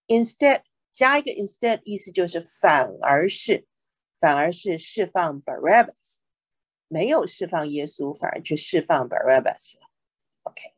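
Woman teacher, low and airy, dry close mic. She reads verses slowly and explains them clearly. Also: no echo. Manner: explanatory, frequent "OK" and "哈" fillers. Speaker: Bible English teacher. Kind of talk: bilingual Bible lesson.

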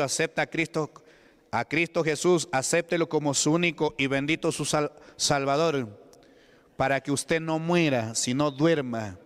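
A man's voice: a little high, fairly bright tone, smooth. A man with a Peruvian Spanish accent preaching an evangelical sermon, emphatic, calling out questions to the congregation. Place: church hall. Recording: long hall reverb.

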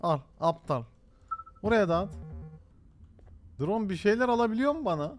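A man streaming a horror game live, loudly exasperated and bantering with his chat. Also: sits high, animated, moderate pace, soft background music. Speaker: gaming streamer. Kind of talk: live gameplay commentary.

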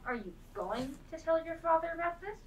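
A young woman acting a gentle, patient adult who asks careful questions. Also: very high-pitched, lively intonation, a little fast. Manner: soft, questioning. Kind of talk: stage play acting. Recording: quiet, distant stage mic.

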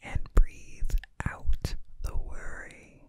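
A young man gives a soothing ASMR pep talk of affirmations in a breathy whisper close to the microphone, repeating drawn-out phrases. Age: young adult. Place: small dim indoor room. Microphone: studio microphone close to the mouth, binaural.

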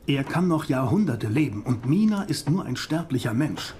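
An actor playing a determined, commanding vampire-hunting professor in an audio drama, grave and urgent. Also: male voice, mid-range voice, sing-song, normal speed, a little mellow, slight background noise, natural voice. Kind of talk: German audio drama acting. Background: music.

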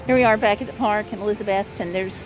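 A middle-aged travel vlogger narrates an informal sightseeing tour at night on small-town streets, reading signs and pointing out sights. Her medium-pitched voice is fast and fairly even, over music. The recording is low quality, from a handheld camera at arm's length.

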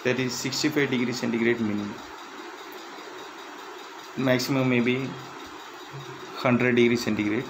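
A man reading interview questions and answers aloud in a plain, measured way, with slightly halting phrasing. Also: medium pitch, steady tone, noisy background. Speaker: instructor.

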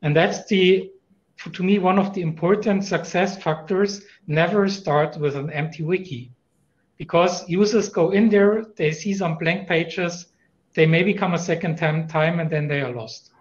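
A man's voice: sits high, unhurried, highs cut off. A man with a German accent speaking as a panelist in a conference discussion over a video call, thoughtful, with many fillers and restarts.

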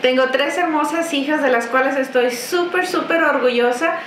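Sitting at a desk in a roomy office with faint background noise, a business owner from the Texas–Mexico border chats warmly as an interview guest. Her voice is high and her pace normal, and she laughs frequently as she answers.

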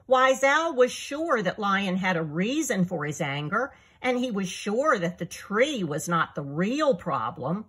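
Slow, breathy woman reading a story. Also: mid-range voice. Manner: expressive, storyteller. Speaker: author reading her book.

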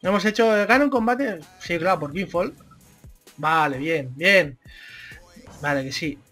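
A man with a Spain Spanish accent doing excitable let's-play commentary, yelling and swearing at the game. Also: on the high side, a little slow, soft background music. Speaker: gamer.

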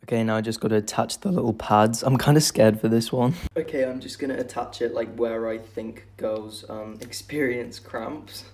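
A man's voice: mid-range voice, fairly even intonation, moderate pace, few pauses, a little mellow. A young man talking casually to camera as he tries out a gadget at home. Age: young adult. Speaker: social media creator trying a gadget.

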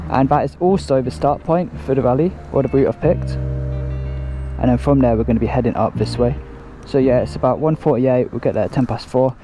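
A man's voice: mid-range voice, mellow, poor audio. A man chatting casually to camera as a motorcycle vlogger, explaining things step by step as he rides. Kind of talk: casual chat to camera while riding. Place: outdoors on a motorcycle by the road. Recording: faint road and traffic noise.

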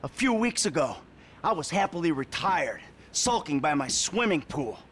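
An actor playing a sarcastic, exasperated middle-aged retired crook who curses a lot, in a video game cutscene. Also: male voice, fairly high pitch, sing-song, moderate pace, fairly bright tone, breathy edge, full character voice. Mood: ranting. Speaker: retired criminal character.

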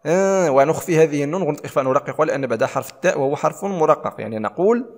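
Male tajweed teacher, somewhat high voice, explains then recites slowly, roomy reverb. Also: animated.

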